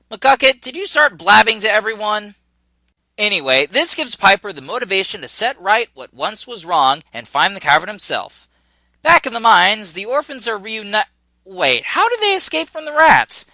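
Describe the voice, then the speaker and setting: A man's voice: high voice, sing-song, normal speed, bright, forceful tone, no room sound, low-quality recording. A man narrating a scripted comedic video game review in a sarcastic, exasperated way.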